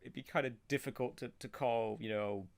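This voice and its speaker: A man giving casual, off-the-cuff reaction commentary in a halting, rambling, giggly manner. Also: medium pitch, fairly even intonation, gravelly.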